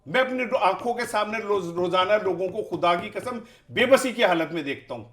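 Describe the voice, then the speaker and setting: High-voiced man, fired-up political analyst. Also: lively intonation, a bit bright. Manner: impassioned, rhetorical, piles up questions. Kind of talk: heated political commentary.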